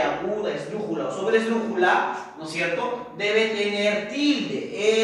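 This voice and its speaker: Guy teaching a lesson, keeps asking correcto, boomy echoey room, sounds far from the mic. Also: fairly bright tone. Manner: explains step by step, ends phrases with "¿correcto?". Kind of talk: recorded classroom lesson.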